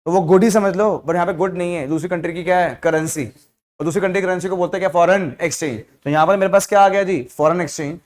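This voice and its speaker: A man's voice: sits high, steady tone, fast talker. A man teaching economics to a class, asking the students rhetorical questions and mixing English terms into his Hindi. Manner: scolds students loudly when they laugh. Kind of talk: classroom lecture.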